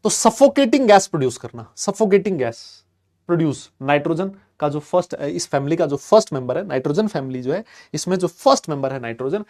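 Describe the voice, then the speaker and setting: A man teaching a chemistry class, chatty and lively, quizzing and teasing his students and mixing English terms into his talk. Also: fairly high pitch, brisk. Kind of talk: classroom lecture.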